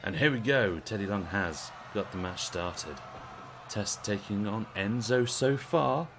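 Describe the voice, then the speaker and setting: A British man giving casual play-by-play commentary on a video game wrestling stream, chatty and relaxed. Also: fairly low pitch, unhurried, over music. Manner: chatty, relaxed, asks the audience.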